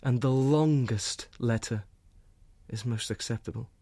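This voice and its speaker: An actor giving a gentle, earnest reading as a young soldier writing love letters to his sweetheart from the front. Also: medium pitch, unhurried, dry recording. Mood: tender. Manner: earnest, gentle, softly intimate.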